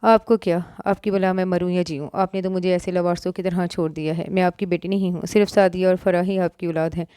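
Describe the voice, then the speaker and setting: A woman's voice: fairly low pitch, flat delivery, fairly quick, hardly any pauses, warm tone, smooth, no echo, studio quality, close to an everyday voice. A woman voicing a distressed young wife who pleads through tears in a storybook reading. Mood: bitter. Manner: pleading, tearful.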